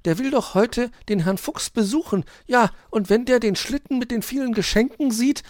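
A man voicing an eager little male hedgehog who plays detective in a storybook, insistent and excited. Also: very high voice, moderate pace, dry recording, studio quality, voice pushed up. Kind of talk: storybook read-aloud.

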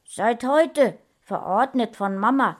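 A woman's voice: fairly high pitch, animated, slow, pitched above the performer's own voice. Woman doing a sulky cheeky teen boy. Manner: cheeky, grumbling. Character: cheeky fourteen-year-old boy, sulky.

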